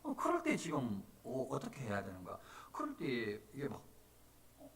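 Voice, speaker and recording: A man preaching a sermon as pastor, animated, moving from soft talk to loud cries. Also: mid-range voice, normal speed, far from the mic, a little hiss or hum. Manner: animated, swings from soft to shouting. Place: church sanctuary.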